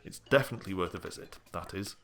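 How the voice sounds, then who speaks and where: A man narrating a casual game review in a measured, explanatory way, often pausing with "um". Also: deep voice, fairly bright tone. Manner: measured, explanatory, with frequent ums.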